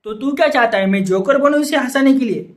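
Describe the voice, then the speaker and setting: A man's voice: very high-pitched, fast. A man playing a frustrated young boyfriend who rants and badgers his friend with repeated questions in a comedy sketch. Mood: ranting. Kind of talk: Hindi comedy sketch dialogue.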